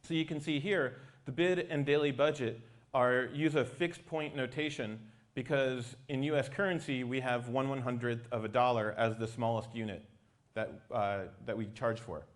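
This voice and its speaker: A man's voice: medium pitch, steady tone, moderate pace. A man giving an explanatory technical talk as a company presenter.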